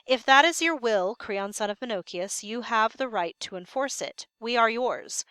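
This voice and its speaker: A woman's voice: fairly high pitch, expressive, normal speed, fairly bright tone, clear, resonant tone, no room sound. A woman voicing a deferential old male advisor to a king, read aloud from a play.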